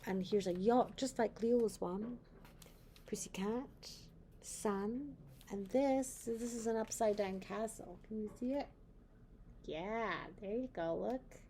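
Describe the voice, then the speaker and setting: A sweet older woman, a grandmother, reading a picture book to a small child in a gentle, grandmotherly way and pointing things out. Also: medium pitch, slow pace, a little hiss or hum.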